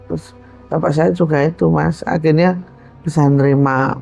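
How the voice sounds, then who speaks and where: A woman's voice: deep voice, fairly even intonation, normal speed, gravelly, mellow, highs cut off, faint music behind. A woman with a Javanese accent animatedly telling her own supernatural story and acting out the voices in it. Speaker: guest storyteller.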